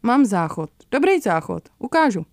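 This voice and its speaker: A woman's voice: medium pitch, sing-song, a little mellow, no echo, studio quality, voice pushed up. A woman voicing a friendly middle-aged male shopkeeper who speaks in short, broken phrases.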